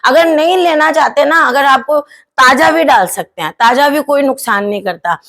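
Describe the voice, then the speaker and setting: A woman with a fairly high voice walks viewers through a home gardening lesson. She explains things step by step in a chatty way, leans on tag questions and fillers, and slips words in as she goes. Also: normal speed, fairly bright tone. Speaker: gardening channel host.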